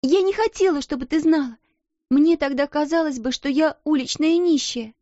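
A woman's voice: high voice, normal speed, dark tone, dry recording, pitched above the performer's own voice, lightly acted. A woman voicing a proud, passionate young schoolgirl who speaks earnestly, in a muffled, dull recording. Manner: earnest, intense.

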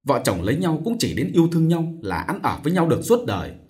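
A man voicing a gentle, persuasive middle-aged aunt who soothes and coaxes, in a storybook reading. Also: on the high side, sing-song, quick pace, voice pushed up. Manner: soothing, coaxing.

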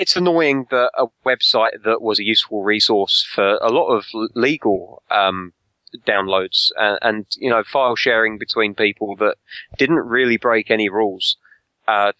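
Bright-voiced man, hesitant and jokey. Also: lowish voice, dry recording, lo-fi sound. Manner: hesitant, many fillers, jokey. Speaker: podcast co-host. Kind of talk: casual chat.

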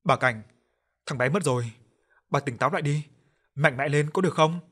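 A man voicing an old grandfather who firmly urges a grieving woman to calm down. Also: fairly high pitch, normal speed, slightly rough. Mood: urging.

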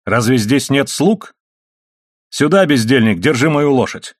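A man's voice: medium pitch, lively intonation, a little slow, no room sound, voice pushed up. A proud young nobleman with a hot temper, put on by a male narrator in an audiobook, his voice rising and pushing hard on commands. The sound is close and dry. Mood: commanding.

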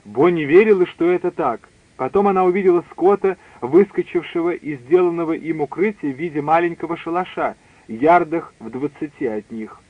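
A man narrating a story in a steady, measured reading. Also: a little high, no room sound. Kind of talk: scripted audiobook reading. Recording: dry tinny phone-like line.

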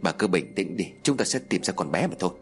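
Man doing a steady older husband. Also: fast. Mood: soothing. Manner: low, soothing, sighing.

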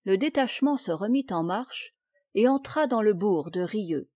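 A woman reading a classic tale aloud as an audiobook narrator, in a measured, deliberate way. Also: mid-range voice, dark tone, dry recording, studio quality. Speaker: audiobook reader.

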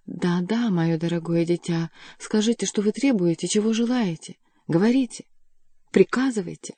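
A woman's voice: lowish voice, normal speed, dark tone, dry recording, natural voice. Woman reading as an aging scheming queen mother. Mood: imploring. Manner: honeyed, imploring.

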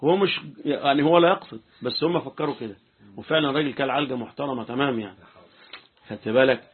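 Fast-talking Egyptian sheikh, tinny recording. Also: male voice, mid-range voice, husky. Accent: Egyptian Arabic. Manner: talkative, keeps checking the listeners follow. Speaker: sheikh teaching Quran commentary. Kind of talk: informal religious lesson.

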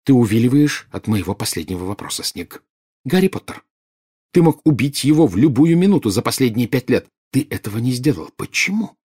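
A man's voice: mid-range voice, big pitch swings, a little fast, a little mellow, slightly rough, pitched above the performer's own voice. A man voicing a furious, jealous witch in an audiobook, bursting out in scornful, indignant retorts.

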